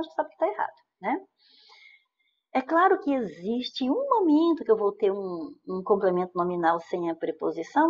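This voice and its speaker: A woman's voice: mid-range voice, slight background noise. Brazilian female grammar teacher, explanatory, leans on key words, mildly muffled lo-fi audio. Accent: Brazilian Portuguese. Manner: explanatory, stretches key words slowly, checks in with "né?" and "certo?". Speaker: Portuguese teacher. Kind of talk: exam-question lesson.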